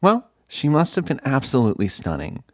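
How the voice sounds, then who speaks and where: A man's voice: a little high, very animated, measured pace, warm tone, voice pushed up, full character voice. A man doing a silky, teasing succubus woman. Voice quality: silky, smooth. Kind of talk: horror story narration.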